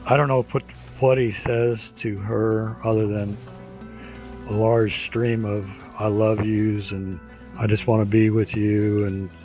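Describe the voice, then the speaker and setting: An older man in his seventies, interviewed for a documentary. His voice sits low, and he tells his story in a halting way, full of restarts and small fillers. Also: flat delivery, a little mellow, faint music behind. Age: 70s. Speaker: interviewee, husband.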